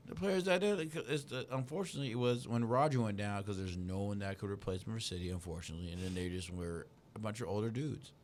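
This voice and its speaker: A man's voice: on the low side, fast, few pauses, a little hiss or hum. A man co-hosting a soccer radio show, arguing his picks in loose, slangy casual chat full of restarts. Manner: animated, slangy, talks in restarts.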